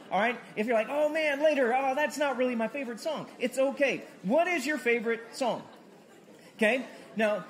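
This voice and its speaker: A man preaching a sermon to his congregation in a lively, conversational way, joking and asking for responses. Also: high-pitched. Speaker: pastor.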